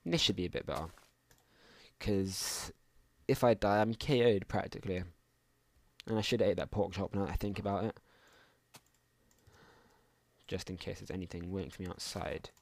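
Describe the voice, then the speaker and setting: A man's voice: low voice, moderate pace, long pauses, a little mellow, no room sound. A young man casually commenting while playing a game at home, rambling through mumbled asides into a desktop microphone. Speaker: gaming channel host. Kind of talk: casual let's play commentary.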